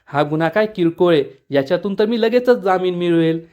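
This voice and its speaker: A man's voice: sits high, lively intonation, brisk, a little mellow. A man reading the lines of an arrogant, abusive husband who angrily denies the charges. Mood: angry. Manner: angry, blustering. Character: bullying older husband, man, arrogant villain. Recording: dull lo-fi recording.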